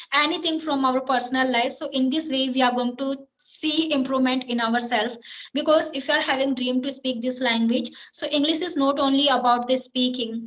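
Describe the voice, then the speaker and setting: A woman with an Indian accent, an English learner giving steady advice in a casual practice conversation. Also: high voice. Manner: steady, advice-giving, non-native grammar. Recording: dull lo-fi call audio.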